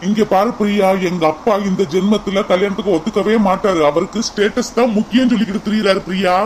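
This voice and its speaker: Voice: medium pitch, steady tone, fast, darkish tone, slight background noise, lightly acted, poor audio. A voice actor playing an earnest young man in love in a cartoon, coaxing and reassuring, with a Kanyakumari Tamil accent. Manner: coaxing, reassuring, repeats her name. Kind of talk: cartoon voice acting.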